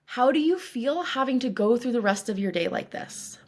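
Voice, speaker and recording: A woman coach leads a guided meditation from a script, speaking in a calm, reassuring, instructive way with deliberate phrasing. Her voice is on the high side.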